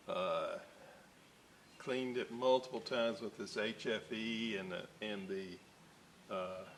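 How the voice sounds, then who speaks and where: At his electronics workbench, a man hosts a casual narration of his radio restoration, rambling with lots of fillers and side stories. His voice is lowish and a bit bright. There's slight background noise.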